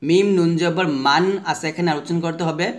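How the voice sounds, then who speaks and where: A man with a fairly high voice teaches the rules of Quran recitation, step by step. He asks a question and answers it himself. He drags out each letter sound so that listeners can repeat after him. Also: level tone, fast. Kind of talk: tajweed lesson.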